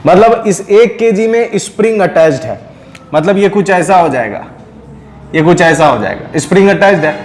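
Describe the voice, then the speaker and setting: This Indian physics teacher speaks at a normal pace in a high, expressive voice that echoes around the room. He solves a problem one step at a time during a recorded lecture, regularly checking that his class understands.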